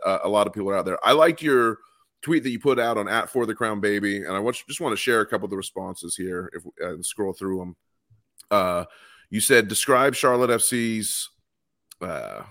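A man's voice: on the low side, fairly bright tone, no room sound, studio quality. A man co-hosting a casual sports podcast, chatty and enthusiastic as he reads out fan replies. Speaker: podcast co-host. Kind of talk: casual chat.

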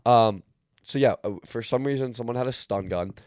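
A man's voice: mid-range voice, normal speed, a little mellow, no echo, studio quality. A young man hosting a podcast in casual chat, telling stories in a slangy, joking way. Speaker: podcast host.

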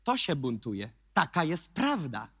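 A Polish man preaching a sermon in an emphatic, sarcastic way that builds to shouts. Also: fairly high pitch, wildly swooping pitch, a little slow, breathy edge, dry recording, clean studio sound.

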